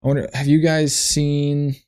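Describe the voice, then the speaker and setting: A man's voice: on the high side, flat delivery, normal speed, a little mellow, clear, resonant tone. A man streaming from his computer, thinking aloud in a loose, rambling way with frequent restarts as he chats to viewers. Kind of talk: casual livestream chat.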